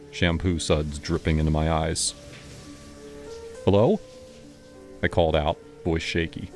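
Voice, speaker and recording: A man with a very deep, low voice narrates a horror story in first person, steady and measured. Faint music plays behind him.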